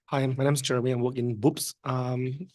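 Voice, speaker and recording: A man's voice: medium pitch, little pitch movement, normal speed, a little mellow, no room sound. Earnest man speaking up from the audience. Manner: earnest, repeating words. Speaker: audience member. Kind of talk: audience comment.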